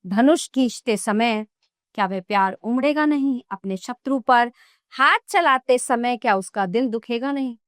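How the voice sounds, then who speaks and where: A woman's voice: on the high side, measured pace, no room sound, studio quality, close to an everyday voice. A woman voicing a compassionate woman singer who earnestly pleads with an emperor to give up killing. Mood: pleading.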